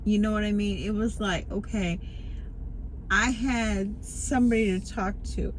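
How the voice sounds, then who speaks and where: A woman giving a candid, casual personal monologue, rambling and halting, often circling back and repeating herself. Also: mid-range voice, fairly even intonation, low-quality recording. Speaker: vlogger giving herself a pep talk. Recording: loud traffic and vehicle noise.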